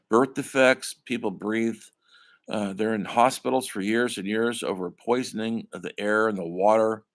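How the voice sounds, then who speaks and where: An older man giving a classroom film lecture in a conversational way, calling his students folks. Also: lowish voice. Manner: conversational, addresses listeners as folks. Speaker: college film instructor.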